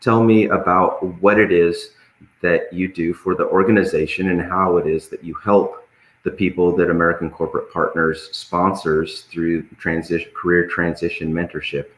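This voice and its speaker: A man hosting a casual live panel, joking and somewhat halting as he goes, in a roomy, echoing recording. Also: low-pitched, little pitch movement, fairly bright tone. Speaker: host.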